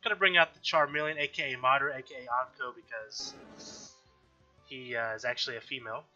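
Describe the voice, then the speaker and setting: A man of medium pitch talks briskly with fairly even intonation, his delivery pushed and bright, as he hosts a let's-play and chats casually through the game. His voice is slightly nasal and stuffed from allergies, and he's chatty, often self-correcting and clearing his throat. Dull lo-fi audio carries faint background music.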